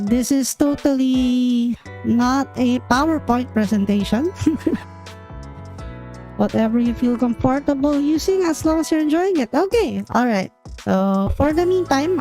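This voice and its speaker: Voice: medium pitch, animated, measured pace, warm tone, faint music behind, pitched above the performer's own voice. A streamer using a voice changer to voice a cute young female penguin persona, chatty and giggly while introducing herself to chat. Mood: cheerful. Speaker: VTuber streamer. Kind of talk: debut stream self-introduction.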